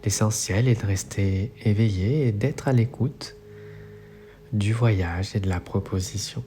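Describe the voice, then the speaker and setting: A man with a low voice leads a guided relaxation meditation, yoga nidra, speaking slowly over soft music. As the instructor, he sounds soothing and instructional, shaping his phrases in a measured way.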